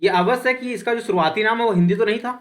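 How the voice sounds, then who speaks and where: A man's voice: high voice, fast talker. A man teaching an online lesson in a conversational way, asking questions and answering them himself, often checking in with his listeners. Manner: conversational, repeats points with "ठीक है". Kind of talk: online lecture.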